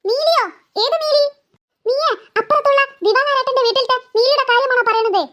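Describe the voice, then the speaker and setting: An impatient cartoon mother, played by a woman, scolding in a brisk, scornful way. Her voice is set very high. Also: fairly bright tone. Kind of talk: cartoon voice acting.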